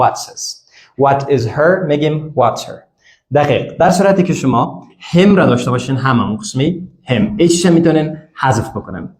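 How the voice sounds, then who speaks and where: A man's voice: fairly high pitch, roomy sound. A man teaching English to a class, explaining step by step and repeating each example phrase several times. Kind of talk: classroom language lesson.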